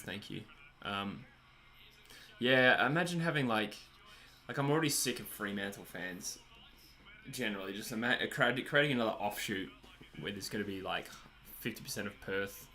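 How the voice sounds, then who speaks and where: Australian male streamer, 20s, chatty self-deprecating host, bright tone. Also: lowish voice. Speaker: livestream host reading chat. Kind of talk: casual live chat over a cricket match.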